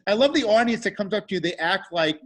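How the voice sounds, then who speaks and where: A male comedian in casual chat, animated, acting out audience members with plenty of swearing. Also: high-pitched, fast.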